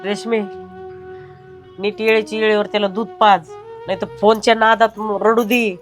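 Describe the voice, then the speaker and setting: A woman's voice: mid-range voice, little pitch movement, normal speed. A woman with a mid-range voice fusses and gives instructions in a comic family sketch. Faint music sits behind her. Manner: instructive, fussing. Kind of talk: sketch comedy acting.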